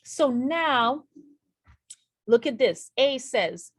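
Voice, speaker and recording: A high-voiced woman with lively intonation talks extremely slowly in a dry recording. She's giving a nursing exam lesson via screen share, speaking right to her viewers and repeating crucial points to underline them.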